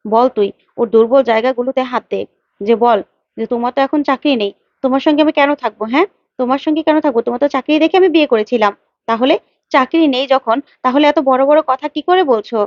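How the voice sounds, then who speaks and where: A woman's voice: high-pitched, quick pace, darkish tone, dry recording, lightly acted. Woman voicing a scheming, bossy mother. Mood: urging. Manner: urgent, coaxing, bossy. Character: scheming middle-aged mother egging on her daughter. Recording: dull lo-fi, dry.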